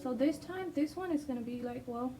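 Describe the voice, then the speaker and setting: She has a high-pitched voice and, sketching for a casual vlog, rambles in her non-native English with many pauses and ums, often putting herself down. A distant mic records her over background music and noise.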